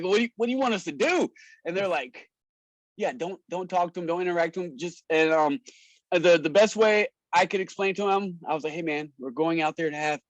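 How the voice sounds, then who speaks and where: During a podcast chat, this wrestler and promoter relates anecdotes in relaxed slang, breaking into laughter frequently. His voice is high and a bit bright, the recording low-quality with no room sound.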